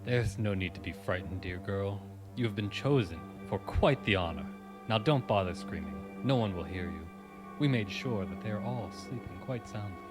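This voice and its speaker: Man doing a menacing cult leader, super low voice, bored and condescending. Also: moderate pace, close to an everyday voice. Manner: calm, weary and condescending. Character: sinister male cult leader, calm, menacing. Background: music.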